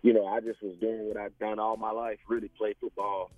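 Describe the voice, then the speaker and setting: A man in his forties from small-town Alabama, a former pro football player appearing as an interview guest, talks in a Southern US accent. He tells his story casually and conversationally, often dropping in "you know," in a fairly low, level, darkish voice at a brisk pace. There's no room sound, though the audio comes through a tinny phone line with faint music behind it.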